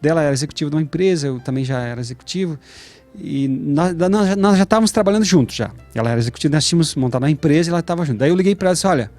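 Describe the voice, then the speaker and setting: A man, giving an animated personal testimony as an interview guest and acting out quoted dialogue. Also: on the high side, very fast, no room sound, soft background music.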